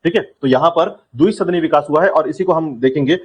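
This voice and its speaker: A man's voice: fairly high pitch, fairly quick, slightly rough, rough recording. A man teaching an exam-prep lecture, drilling key points and repeatedly telling students to remember them. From India.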